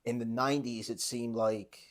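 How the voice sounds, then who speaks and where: A man's voice: mid-range voice, fairly even intonation, normal speed. Chatty male podcast host. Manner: chatty, rambling storyteller with frequent restarts. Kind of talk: casual podcast chat.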